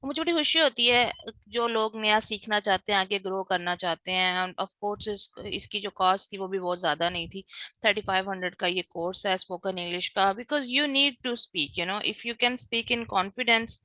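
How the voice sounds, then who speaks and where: A woman's voice: mid-range voice, normal speed, bright, forceful tone, no room sound, rough recording. A woman teaching an online course in a direct, encouraging way. She switches freely between Hindi-Urdu and English and acts out sample phone calls to explain. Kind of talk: recorded lecture mixing Hindi-Urdu and English.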